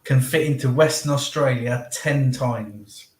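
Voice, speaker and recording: A man's voice: mid-range voice, a little slow. Man, guest, casual chat, easygoing, echoey room. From England. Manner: easygoing, laughs often. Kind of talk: casual live-stream chat.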